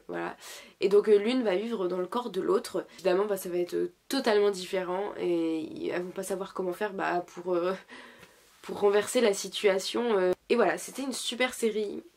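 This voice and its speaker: A woman's voice: medium pitch, vocal fry. A young woman who is sick, chatting casually and hesitantly about shows she liked, with many fillers and restarts. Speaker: YouTuber reviewing dramas. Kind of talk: casual chat.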